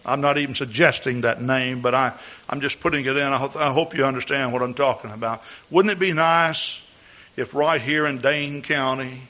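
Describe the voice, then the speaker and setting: A man's voice: medium pitch, fairly even intonation, moderate pace, sharp tone. A man speaking as a pastor, addressing and exhorting his Pentecostal congregation. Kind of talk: Pentecostal church sermon and exhortation. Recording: dull, lo-fi church recording.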